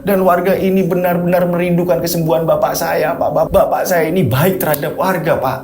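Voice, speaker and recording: A man's voice: high voice, steady tone, moderate pace, lightly acted. A man voicing a desperate young man who pleads tearfully for help for his sick father. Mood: pleading.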